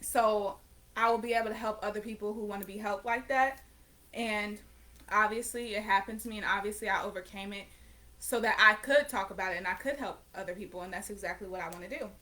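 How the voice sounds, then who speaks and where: Speaking to camera in a brisk, bright, forceful tone, this late-teen painter and vlogger sits at a medium pitch. She's nineteen and talks casually to her viewers, wandering off track and fixing her own words along the way.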